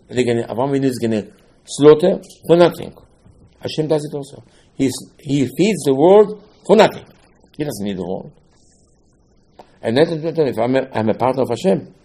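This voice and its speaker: A man's voice: mid-range voice, warm tone, husky. A man teaching a Torah lesson, telling stories and acting out the dialogues with emphatic bursts. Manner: storytelling, acts out dialogues, rising to emphatic bursts.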